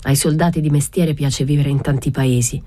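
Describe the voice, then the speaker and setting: A woman's voice: low-pitched, steady tone, moderate pace, warm tone, no echo. A woman reading an audiobook voices a hot-tempered male fisherman who mutters curses and resents the Spanish soldiers. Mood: scornful.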